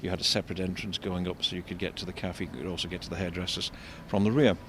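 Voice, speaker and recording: An older man giving unscripted commentary as an architect and local guide, discursive and explanatory, halting and repeating words. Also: fairly even intonation. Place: outdoors in a shopping street. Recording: vehicle rumble, street noise. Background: faint street traffic rumble.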